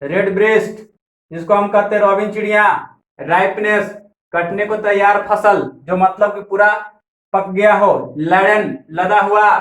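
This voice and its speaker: A man teaching an online class, explaining poem word meanings slowly and repeating key words. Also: high voice, fairly bright tone, reverberant, low-quality recording. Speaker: English teacher.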